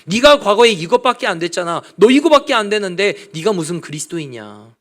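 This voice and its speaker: A preacher voicing a taunting Satan. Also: male voice, high voice, very animated, a little fast, a bit bright, voice pushed up. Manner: mocking, scornful questions. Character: accusing, taunting male Satan figure.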